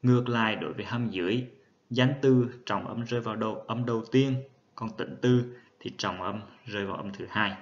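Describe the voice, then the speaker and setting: Low-voiced guy teaching dental words slowly and carefully, dull lo-fi audio. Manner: methodical, patient, spells out terms. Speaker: dental instructor. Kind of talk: explanatory lecture. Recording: dull lo-fi recording.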